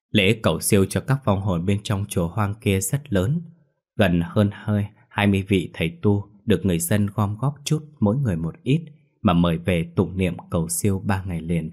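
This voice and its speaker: A man narrating a ghost story in a slow, mournful way. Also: deep voice, darkish tone, breathy edge.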